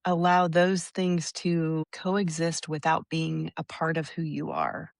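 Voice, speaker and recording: A woman guest on a faith-based podcast, speaking thoughtfully and haltingly as she searches for words. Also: low voice, little pitch movement, vocal fry, dry recording.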